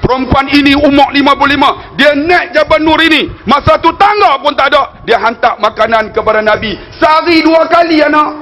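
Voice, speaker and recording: High-voiced preacher man, northern Malaysian accent. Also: brisk, few pauses, pushed and bright, a little hiss or hum. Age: 40s. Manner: storytelling, keeps addressing the audience as "tuan-tuan"; jokey asides to the crowd. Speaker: religious preacher. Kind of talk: religious lecture.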